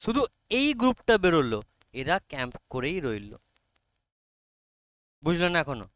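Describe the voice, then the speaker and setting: Bengali-accented male teacher, bright clear voice. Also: a little high, wildly swooping pitch, dry recording. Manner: coaxing, repeatedly checks understanding, reads English lines very slowly. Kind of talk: online class explaining an English text.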